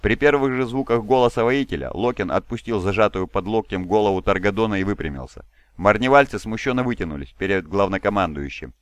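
A man reading an audiobook in a steady, even storytelling way. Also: lowish voice, fairly quick, no room sound. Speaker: audiobook reader. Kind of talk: audiobook narration. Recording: dry home recording.

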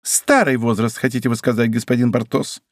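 A man's voice: fairly even intonation, brisk, dry recording, clean studio sound, natural voice. A man voicing a miserly, lovestruck middle-aged prosecutor's wife who pleads and scolds. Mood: eager. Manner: pleading, shrill, emotional.

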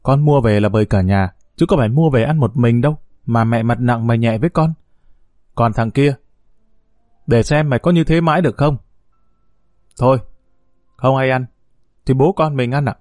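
A man voicing a rude, sharp-tongued young daughter-in-law who talks with biting sarcasm in an audio story. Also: medium pitch, moderate pace, long pauses, dry recording, clean studio sound, close to an everyday voice. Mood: resentful. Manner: sarcastic, needling.

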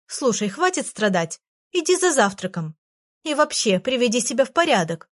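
A woman reading an audiobook voices a cheeky, impatient little female fairy with a high, chirpy, commanding manner. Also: big pitch swings, moderate pace. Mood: bossy. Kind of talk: audiobook character voice.

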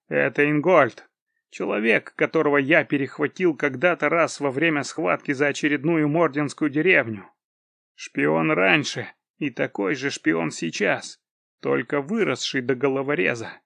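A man's voice: fairly high pitch, unhurried, creaky, a bit bright, dry recording, full character voice. A man voicing a blunt, commanding mercenary leader in an audiobook.

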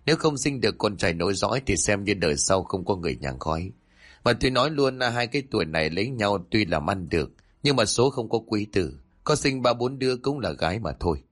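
Sly older fortune-teller, smug and insinuating, voiced by a male narrator, low voice. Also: sing-song, fairly quick, a bit bright.

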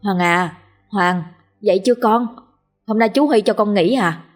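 A caring middle-aged mother frets and gently nags her son, as a woman narrator puts her on. Her voice is husky and plain, over faint background music. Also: mid-range voice, a little slow, lightly acted. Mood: worried. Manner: anxious, gentle nagging.

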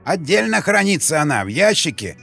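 A man voicing a grumpy, half-deaf old sentry who shouts and curses. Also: fairly high pitch, very animated, fairly quick, vocal fry, slightly rough, faint music behind, voice pushed up, full character voice. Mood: cantankerous shouting. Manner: shouting, cursing, indignant.

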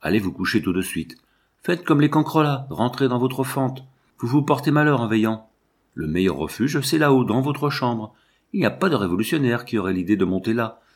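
A man voicing an agitated young male scientist who gives rapid, excited commands. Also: medium pitch, husky. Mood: feverish.

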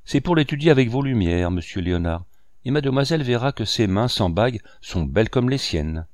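A man's voice: mid-range voice, lively intonation, fairly quick, darkish tone, dry recording, close to an everyday voice. A man voicing an eager, courteous young man in a storybook reading. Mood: earnest.

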